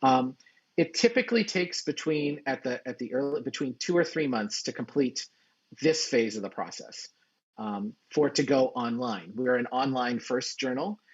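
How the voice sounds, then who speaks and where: Sounding like a journal editor giving an explanatory conference talk, a man speaks haltingly, often restarting and repeating words. His medium-pitched voice has a breathy edge, and the sound is lo-fi.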